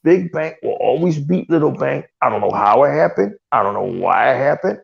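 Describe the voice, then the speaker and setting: Gravelly man ranting on a gaming podcast. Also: medium pitch, sing-song, fairly quick, lo-fi sound. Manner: heated, ranting, mocking impressions. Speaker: podcast co-host. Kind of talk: casual profane gaming talk.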